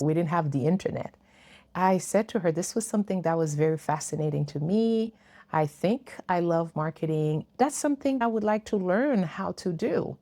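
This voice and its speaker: With a lowish, somewhat dark voice, a woman in her fifties shares a personal story on camera for her YouTube channel. She's not a native English speaker, and her telling is sincere and thoughtful, broken by light laughter.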